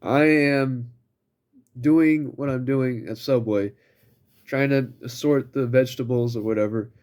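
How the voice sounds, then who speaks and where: A man's voice: medium pitch, fairly even intonation, slow pace, darkish tone. A young man telling stories from his old job in a blunt, profane way, acting out what people said in mocking voices. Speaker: vlogger. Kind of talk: casual storytelling monologue.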